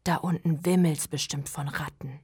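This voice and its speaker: A woman's voice: deep voice, fairly even intonation, normal speed, darkish tone, breathy edge, no echo, studio quality. A woman reading aloud, voicing a grumbling young boy who likes to spook the others.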